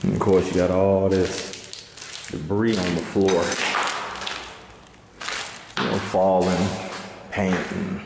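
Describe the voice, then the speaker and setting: A man with a very low voice talks in a laid-back, streetwise way. He swears casually while exploring indoors on a handheld camera, with a faint hiss underneath. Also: little pitch movement, takes it slowly, pauses often, reverberant. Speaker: urban explorer. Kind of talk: casual walk-through narration. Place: indoors in an abandoned police station.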